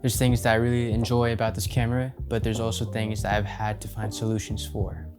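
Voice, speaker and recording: A man's voice: on the low side, completely flat delivery, brisk, over music. A man giving a casual, conversational camera review, his voice affected by being sick. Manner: informal, conversational.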